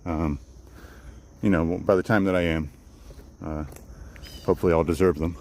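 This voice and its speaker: Deep-voiced man livestreaming outdoors. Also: fairly even intonation, normal speed, darkish tone. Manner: rambling, repeats and restarts phrases. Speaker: livestreamer hosting a walk and talk. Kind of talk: casual livestream chat with viewers. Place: outdoors on a walk in the woods. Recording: outdoor noise with insects and nature sounds. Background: crickets, outdoor nature ambience.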